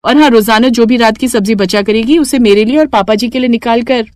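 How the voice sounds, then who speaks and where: A woman voicing a gentle but firm young bride in a cartoon, speaking earnestly. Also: on the high side, fairly quick, dry recording, lightly acted.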